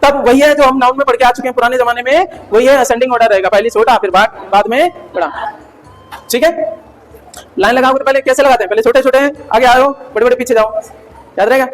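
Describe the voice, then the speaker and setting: A male grammar teacher giving an animated classroom lecture, quizzing students with quick questions and jokes. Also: extremely high pitch, soft background music. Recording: hall reverb.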